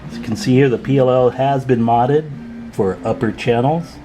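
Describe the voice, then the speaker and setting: At an indoor workbench, a man who repairs radios and hosts videos walks through a relaxed hands-on demonstration, chatting in a folksy manner. His voice is medium-pitched at a normal speed, with music in the background and poor audio quality.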